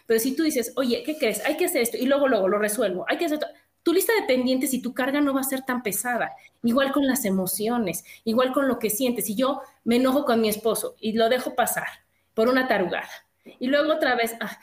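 A woman's voice: a little high, brisk, roomy sound. A woman, chatting casually as co-host and talking through everyday examples. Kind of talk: casual chat.

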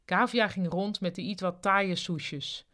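A podcast host reading a novel chapter aloud in a calm, plain storytelling way into a studio microphone. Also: medium pitch, unhurried. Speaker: podcast reader and author.

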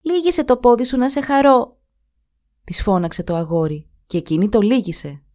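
A woman's voice: lowish voice, dark tone, lightly acted. A woman voicing a brave, stubborn young boy hunter, calling out urgently in a storybook reading. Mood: pleading.

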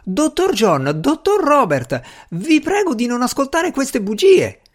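A man voicing an indignant, bruised male asylum attendant in an audiobook, protesting in a shrill, aggrieved way. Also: very animated, measured pace, exaggerated voice. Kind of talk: audiobook character reading.

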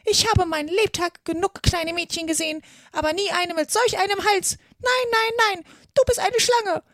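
A shrieking, scolding pigeon. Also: female voice, moderate pace, fairly bright tone, no echo, studio quality. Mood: shrill scolding. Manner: shrill, scolding, near-sobbing outbursts. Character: shrieking outraged female pigeon guarding her eggs. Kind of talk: audiobook character reading.

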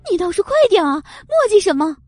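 A woman voicing a spoiled young woman who shouts and whines in an audiobook. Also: a little fast, no room sound. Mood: furious. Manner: shrill, whining, shouting. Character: shrill spoiled young woman, itchy and furious.

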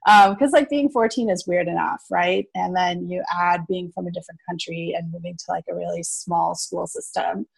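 Speaking at a moderate pace with a steady tone and hardly any pauses, a woman with a fairly low, gravelly, slightly rough voice is heard on a dry recording. She's in her thirties, from South Africa, and works as a farmer and innkeeper, sharing casual stories in an interview with lots of ums and light laughs.

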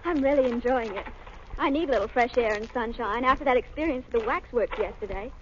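An actress playing a bright, chatty young woman in an old radio drama. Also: a little high, fast talker, a little hiss or hum, close to an everyday voice. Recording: muffled old radio recording.

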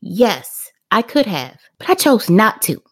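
Brief: honest, literal boy quoted by a woman, deadpan answer. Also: mid-range voice, takes it slowly, husky, exaggerated voice. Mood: matter-of-fact. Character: blunt literal-minded boy, plainly honest.

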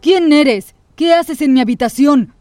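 A woman voicing a stern middle-aged father in an animated story voice-over, speaking in a firm, clipped way. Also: fairly high pitch, normal speed, faint music behind, natural voice. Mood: angry.

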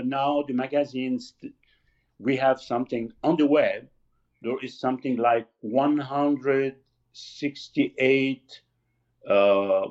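Halting man, lo-fi audio. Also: medium pitch, a little mellow. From Lebanon. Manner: halting, searching for words. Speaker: magazine founder, guest. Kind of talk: casual interview talk. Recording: slightly dull lo-fi audio.

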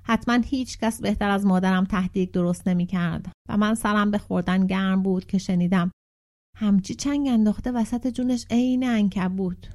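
A woman's voice: mid-range voice, fairly even intonation, a little mellow. A woman narrating a short story as an audiobook, reading steadily and shifting her tone for the characters' quoted lines. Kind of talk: audiobook narration with voiced dialogue.

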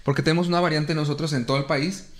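A man's voice: on the high side, steady tone, fast talker. A man, co-hosting a podcast in casual chat, often correcting and explaining. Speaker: podcast co-host.

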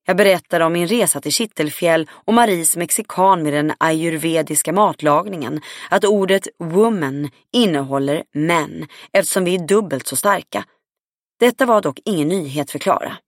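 A woman with a lowish voice narrates an audiobook in the first person, reading from a script. The recording is clean studio audio with no echo.

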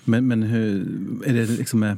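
A man's voice: fairly low pitch, steady tone, dark tone, dry recording, clean studio sound. Hesitant man hosting an interview. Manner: hesitant, rambling questions with many fillers. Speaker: interview host. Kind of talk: casual interview chat. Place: studio.

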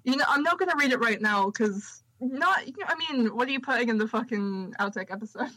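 A woman's voice: a little high, brisk, bright, forceful tone, poor audio. A woman co-hosting a podcast in casual chat, with a slight lisp, joking and swearing over a voice call. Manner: sweary, joking, self-mocking. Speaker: podcast co-host. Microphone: voice call over computer.

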